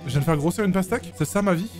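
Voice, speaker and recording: Male let's play host, animated and jokey, slightly high voice, with game music playing clearly behind. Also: rapid-fire. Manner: animated, jokey, swears freely. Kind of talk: casual gameplay commentary.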